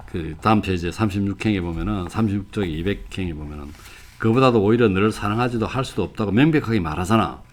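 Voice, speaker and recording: Older guy w a teaching a class, lowish voice, chatty, reads lines out w feeling. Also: quick pace. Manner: conversational, tells anecdotes, reads quotes with feeling. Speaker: professor. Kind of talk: classroom lecture, reading passages aloud.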